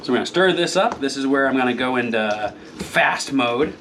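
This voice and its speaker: A man hosting a cooking demonstration, rambling through crude deadpan jokes and slurring a little from drinking. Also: mid-range voice, moderate pace. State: a little tipsy, slurring slightly. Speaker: cooking show host.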